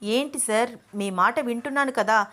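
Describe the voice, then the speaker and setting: A woman's voice: fairly high pitch, moderate pace, a bit bright, lightly acted. A woman voicing a headstrong young wife and student who answers back in a pouty, defiant way. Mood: sulky.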